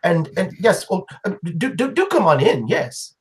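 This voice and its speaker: A man's voice: high-pitched, wildly swooping pitch, moderate pace, voice pushed up. A man voicing a short, flustered, polite woman in a tabletop game, hesitant and repeating words, eager to please. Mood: flustered, welcoming.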